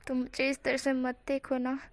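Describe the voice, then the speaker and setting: A woman's voice: high voice, unhurried. Woman voicing a shy, stammering young man. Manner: soft, hesitant, stammering.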